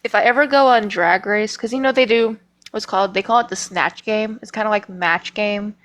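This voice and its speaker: A woman's voice: medium pitch, fairly even intonation, moderate pace, fairly bright tone, rough recording. A woman co-hosting a casual podcast chat, telling stories with emphatic, opinionated views. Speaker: podcast co-host.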